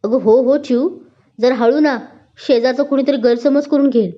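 A woman's voice: high-pitched, fairly even intonation, normal speed, lightly acted. A woman voicing a teasing, playful young husband in a spoken story, talking with affection. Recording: dull lo-fi recording.

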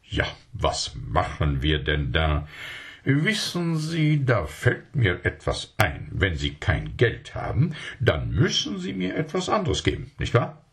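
Ein Mann spricht einen schlauen, überredenden Verkäufer in einer Kindergeschichte, der eifrig um Geschäfte feilscht. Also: male voice, low voice, wildly swooping pitch, creaky, fairly bright tone, heavily acted. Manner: wheedling, fast bargaining talk. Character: smooth-talking male salesman, scheming, persuasive.

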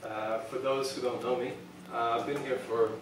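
Before a small audience, a Serbian product designer in his thirties gives a sincere talk in a level, mid-range voice at a moderate pace, with many ums. The recording, made by a distant camera in a meeting room, is very echoey with background noise.

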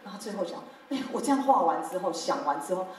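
A woman's voice: on the low side, fast talker. A woman teacher with a Taiwanese Mandarin accent tells classroom stories to other teachers in a workshop talk, playing out her pupils' lines and laughing along. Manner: lively storytelling, acting out pupils' lines with laughter. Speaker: teacher sharing classroom methods. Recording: very echoey hall from far off.

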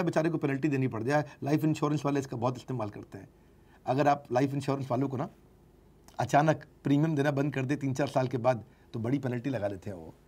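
Man, business lecture, emphatic, fairly high voice. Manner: lively, emphatic, acts out customer lines. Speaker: business teacher. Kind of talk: informal lecture.

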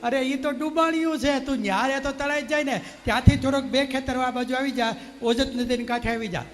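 A sly village leader hands out breezy, bossy reassurances in a high, carrying voice, put on by a Saurashtra Gujarati storyteller. His Saurashtra Gujarati accent is broad, and his voice echoes long through a hall. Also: fairly quick. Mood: coaxing. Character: sly, self-assured village leader, adult man.

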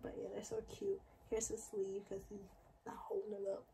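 A woman in her twenties rambles through a casual shopping vlog full of fillers, filmed on a handheld phone first in a mall and then at home. Her mid-range voice is mellow, whispered, and flat at normal speed, and the phone recording is noisy.

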